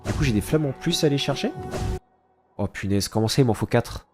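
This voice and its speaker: Loud, yelping male gamer, very animated, music playing underneath. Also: fairly quick. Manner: loud, yelping, high-pitched exclamations. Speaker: let's play gamer. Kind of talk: excited gameplay commentary. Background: game music.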